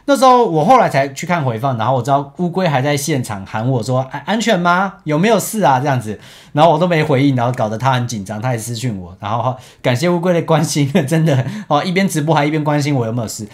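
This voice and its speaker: A man's voice: mid-range voice, lively intonation, fast. A young man with a Taiwanese Mandarin accent, an esports team captain chatting casually over game footage and laughing often.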